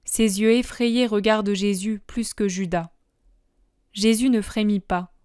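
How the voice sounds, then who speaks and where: Femme narratrice, récit religieux grave et expressif, voix nette, son sec et proche. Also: female voice, mid-range voice, steady tone, unhurried, darkish tone, smooth, dry recording, clean studio sound. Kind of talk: dramatic first-person religious narration.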